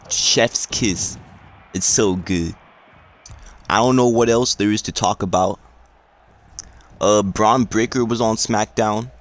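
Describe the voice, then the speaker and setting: A man vlogging in a rambling, excitable rant full of swearing. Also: on the low side. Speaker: wrestling vlogger. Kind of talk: casual vlog rant.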